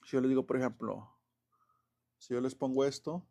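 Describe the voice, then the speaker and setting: In a casual classroom-style explanation, a man with a steady, gravelly, mellow mid-range voice talks through English grammar at a moderate pace. He's an English teacher who keeps things chatty, with plenty of fillers, self-corrections and little chuckles.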